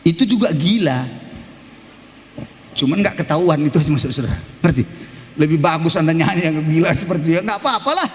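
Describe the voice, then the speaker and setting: High, lively preaching man. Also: fairly quick, long pauses. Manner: emphatic, bursts into shouted exclamations and jokes. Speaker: pastor. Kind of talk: animated Sunday sermon. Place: church service hall. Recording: reverberant hall with faint background noise.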